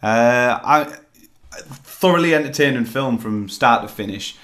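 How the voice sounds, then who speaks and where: A man's voice: medium pitch, animated, unhurried, fairly bright tone. A man hosting a casual film review chat, rambling and hesitant with lots of fillers. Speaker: film reviewer, podcast host.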